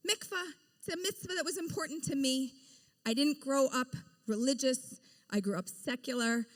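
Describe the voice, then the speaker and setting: A chatty woman addresses a big audience in an event hall with a fairly high, bright voice. She keeps things playful, tossing quick questions to the crowd. A long reverb trails her words through the large room. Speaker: event speaker. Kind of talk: lively storytelling talk to a live audience. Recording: echoey hall sound.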